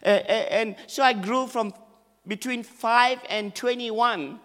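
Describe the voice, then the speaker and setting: Recorded in an echoey church hall with long reverb, this sermon comes from a guest preacher originally from Malaysia who speaks with a Malaysian English accent. He talks slowly in a very high voice, excitable and over the top, with frequent laughter.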